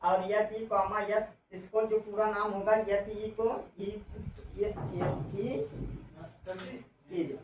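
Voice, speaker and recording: A woman English teacher giving a classroom lesson on contractions, spelling out letters slowly and repeating herself. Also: mid-range voice, steady tone, darkish tone, recorded from a distance. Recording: echoey room, voice from off-mic, faint noise.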